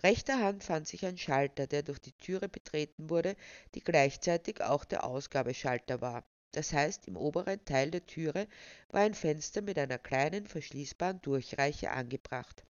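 A woman's voice: low-pitched, normal speed, dry recording. A woman narrating a first-person story in wordy, ornate phrasing. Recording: dry, slightly dull recording.

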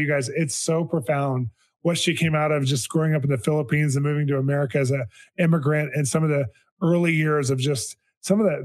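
An upbeat man hosts a faith podcast, his voice sitting a little high. He gushes with open excitement about his guest. Light music plays faintly underneath. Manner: excited, gushing. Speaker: podcast host. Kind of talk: enthusiastic interview and intro.

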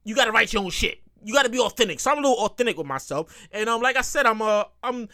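A high-voiced man in his thirties talks at a quick pace on his casual solo podcast. Animated throughout, he acts out quotes while rambling, cursing, and going over the same points again.

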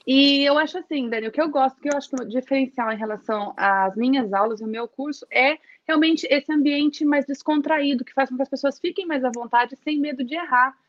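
A woman's voice: high voice, a little fast, hardly any pauses, no room sound, muffled recording. A woman with a Brazilian Portuguese accent, an English teacher as interview guest, upbeat and encouraging. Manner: encouraging, upbeat, laughs often. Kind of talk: casual interview chat.

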